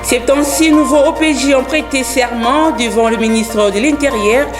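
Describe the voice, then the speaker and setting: A woman's voice: high-pitched, music in the background. Woman reading the news. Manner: formal, measured delivery. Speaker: news anchor.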